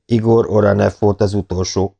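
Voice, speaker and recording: A man's voice: on the low side, little pitch movement, creaky, warm tone. A man reading an audiobook, voicing a friendly, polite middle-aged burglar with a courteous, chatty manner. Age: 40s. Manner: courteous, chatty, self-deprecating. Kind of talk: audiobook character voice.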